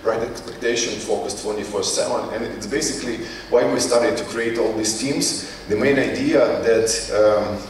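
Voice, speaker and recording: A company CEO, speaking non-native English with a Ukrainian accent, presents informally at a conference. His slightly low voice reaches the mic from far off in a very echoey hall over faint background noise, and he speaks haltingly, often searching for words.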